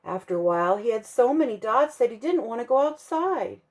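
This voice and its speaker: Reading a bedtime story aloud for a church kids' ministry, a woman with a slightly high voice brings it to life expressively and slows down at the key moments for emphasis.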